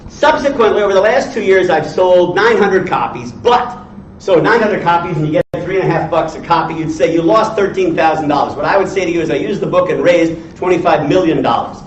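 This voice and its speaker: A man in his sixties lectures informally with a blunt, needling, salty manner. His voice sits high for a man. It is picked up from a distance in a very echoey room, with a slightly dull sound. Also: lively intonation, brisk, a little hiss or hum. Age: 60s. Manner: blunt, teasing, salty, quizzes listeners. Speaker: entrepreneur lecturer. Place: indoor teaching room with audience.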